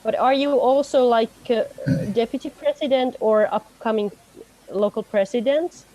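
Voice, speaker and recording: A woman's voice: on the high side, moderate pace, dark tone, rough recording. A woman facilitating an online meeting, friendly and laughing often as she coaxes people to speak. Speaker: session facilitator.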